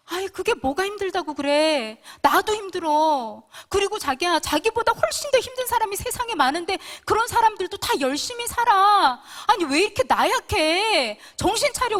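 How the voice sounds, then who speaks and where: A middle-aged woman, a pastor's wife, giving an earnest and emotional personal testimony at a prayer meeting. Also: fairly high pitch. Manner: earnest, emotional storytelling that acts out past quarrels.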